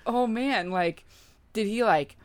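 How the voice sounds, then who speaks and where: A woman's voice: medium pitch, takes it slowly, clear, resonant tone. A woman in her thirties chatting casually, telling a story and acting out the quoted lines.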